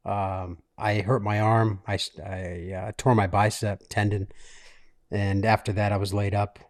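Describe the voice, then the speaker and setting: A man in his late thirties hosting a casual podcast from a living room, telling a personal story in a halting, self-interrupting way. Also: fairly low pitch, flat delivery. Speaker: podcast host. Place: makeshift studio in a living room.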